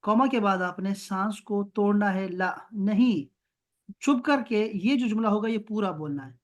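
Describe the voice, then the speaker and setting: A man teaching an Arabic grammar lesson over a video call, encouraging and explaining words slowly, mixing in English. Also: sits high.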